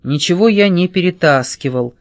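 Audiobook suspect voiced by the reader: a sullen, stubborn man with curt replies and a slightly high, dry-sounding voice. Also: expressive, moderate pace, no echo.

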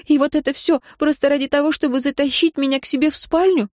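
A woman voicing an earnest young heroine in an audiobook, speaking gently and pleading. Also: mid-range voice, steady tone, normal speed, dry recording, clean studio sound, lightly acted. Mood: upset. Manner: gentle then pleading, voice rising when upset. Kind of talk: audiobook character reading.

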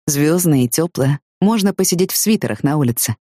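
A woman reading a quiet, calm young man. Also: low-pitched, dry recording, studio quality. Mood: sleepy teasing. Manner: quiet, matter-of-fact, unhurried.

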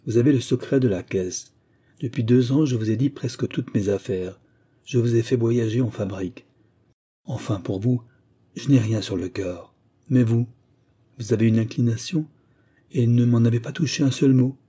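A man voicing a shrewd, gruff, fatherly old male cloth merchant who lectures and exclaims in an audiobook. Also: mid-range voice, normal speed, mellow, lightly acted. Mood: stern.

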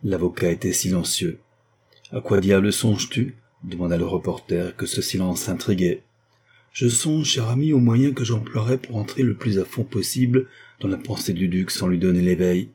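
Male audiobook narrator, lowish pitch, mellow tone, faint hiss behind, reads dialogue with slight lifts. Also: normal speed. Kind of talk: scripted narration of a novel.

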